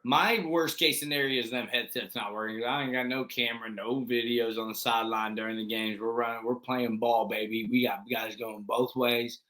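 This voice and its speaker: A high school football coach co-hosting a podcast, telling stories in casual, slangy chat and acting out other people's lines. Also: male voice, normal speed, hardly any pauses. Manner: animated storyteller who acts out quoted voices.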